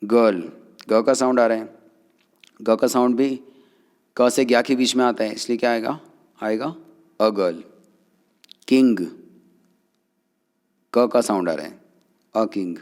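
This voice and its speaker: A man's voice: medium pitch, unhurried, pauses often, in a large hall. Man teaching English grammar in Hindi. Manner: steady explaining, often checking with "right?".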